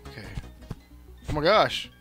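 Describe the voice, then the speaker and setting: A man's voice: unhurried, bright, forceful tone. A man in his thirties giving casual commentary as he plays a game, recorded on a headset. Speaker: gaming video host. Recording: game music and sound behind.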